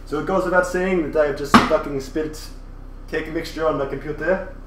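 This casual in-character livestream features a man, fairly high-pitched, at normal speed with fairly even intonation, lightly acting as a cocky, vulgar French chef with a fake French accent who rambles and keeps saying "you know." He's in a kitchen, and the distant mic gives a roomy sound with faint ambience, though the recording is very noisy.

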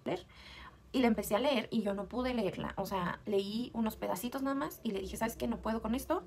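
A woman's voice: a little high, a little fast, creaky, a little mellow, a little hiss or hum. A Mexican woman vlogger, upset and agitated, talking bluntly and swearing while reacting to a song. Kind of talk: emotional video confession.

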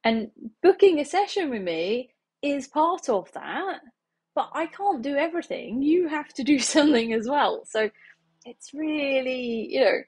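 A woman's voice: high voice, lively intonation, measured pace, darkish tone. A woman in her thirties, a healing practitioner, talking casually to camera from her living room, chatty and laughing often. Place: small home living room, indoors.

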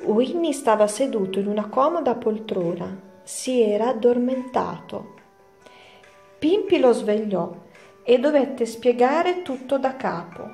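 A woman teacher reads a children's story aloud, slow and clear, her voice sitting a little high. The room is roomy and echoing. Soft music plays faintly behind her. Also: animated.

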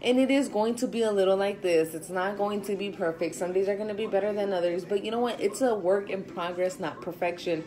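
A woman in her twenties, a fitness instructor, talking in a chatty, loud, slangy way in a casual vlog. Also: mid-range voice, a little fast, hardly any pauses, poor audio.

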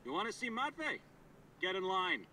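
A man's voice: high voice, very animated, moderate pace, sharp tone, far from the mic, a little hiss or hum, full character voice. An actor playing a stern, suspicious male camp gatekeeper who lectures about rules and waiting in line.

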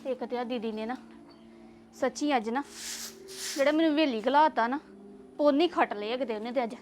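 A woman's voice: high voice, a little fast, noisy background, lightly acted. A woman playing a dramatic, complaining village daughter-in-law in a Punjabi web drama, exclaiming and muttering to herself with a Punjabi accent. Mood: chatty, determined.

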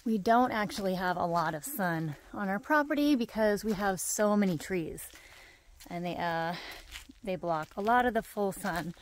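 Chatting into a handheld camera, an Idaho homesteader in her thirties strolls through her fenced garden outdoors for a casual tour. She speaks in a mid-range voice at a moderate pace, relaxed and talkative and drifting off between points, with slight background noise.

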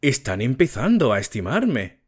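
A man's voice: mid-range voice, wildly swooping pitch, normal speed, husky. A man voicing a poor young male playwright in an audiobook reading, exclaiming gladly.

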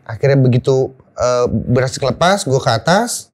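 A woman's voice: rumbling low, normal speed. A woman guest telling a story in a casual interview, talking in slang, repeating words for emphasis and acting out her own thoughts. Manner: animated, acts out quoted thoughts.

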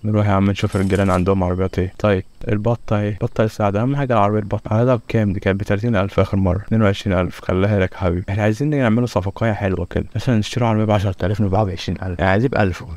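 A man's voice: fairly low pitch, a little mellow, no room sound. A young man with an Egyptian Arabic accent commenting on a car dealer game as he plays, joking and haggling with its customers. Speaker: gaming YouTuber. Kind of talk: let's-play commentary.

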